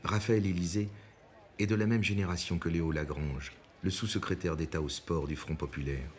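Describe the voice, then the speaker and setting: A man reading scripted documentary narration in a measured, composed way. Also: deep voice, steady tone.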